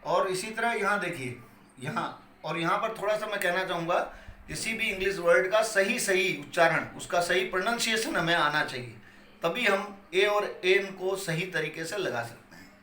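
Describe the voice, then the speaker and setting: A man's voice: high voice, animated, normal speed, bright, forceful tone. A man teaching English grammar in Hindi, with Hindi-accented English terms, explaining patiently and answering his own questions. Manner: explains patiently, repeating key points and asking questions he then answers. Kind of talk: classroom lecture. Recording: echoey room with faint ambient noise.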